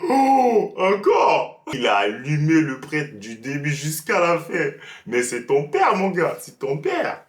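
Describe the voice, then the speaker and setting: A young man reacts to a video in relaxed, slang-heavy chat, drawling his words out slowly. His voice sits a touch high, and a roomy echo hangs around it. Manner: laid-back slangy disbelief, addresses viewers. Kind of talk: casual reaction commentary.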